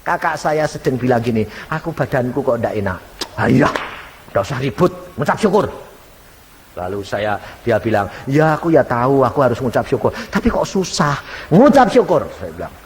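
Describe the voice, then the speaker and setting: Very animated and at a moderate pace, this evangelist uses a mid-range voice to tell stories in his sermon, switching voices to play out each dialogue. The old MP3 recording carries hall reverb and a faint hiss.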